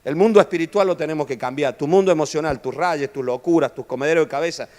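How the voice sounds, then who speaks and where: A man preaching a sermon in a church hall, animated and joking with his listeners, often calling them brother. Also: on the high side, fast talker. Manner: animated preaching, constantly saying "hermano", jokes with the audience. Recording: long reverb of a church hall.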